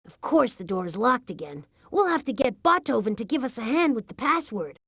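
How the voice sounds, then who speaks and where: A woman's voice: on the high side, very animated, a little fast, a bit bright, breathy edge, full character voice. A woman voicing an eager, chirpy little robot guide. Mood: upbeat. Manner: upbeat, instructive. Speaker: game guide. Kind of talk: 1990s educational game voice acting.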